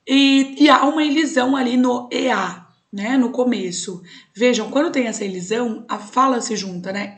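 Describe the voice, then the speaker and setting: Brazilian woman teacher, fairly high voice. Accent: Brazilian Portuguese. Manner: explanatory, checks in often with "tá?". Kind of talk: recorded online class.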